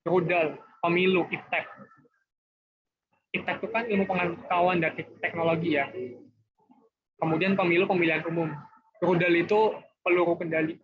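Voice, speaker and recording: High-voiced young man tutoring casually. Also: little pitch movement, normal speed, pauses often, slightly rough. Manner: chatty, informal, often says guys and gitu. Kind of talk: casual online class explanation. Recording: dull lo-fi online class audio.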